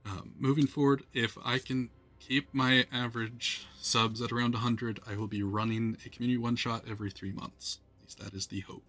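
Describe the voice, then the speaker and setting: A man's voice: mid-range voice, flat delivery, fairly quick, hardly any pauses, fairly bright tone. A man hosting a live stream as game master, thanking players and viewers with frequent fillers. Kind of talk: closing remarks on a live stream.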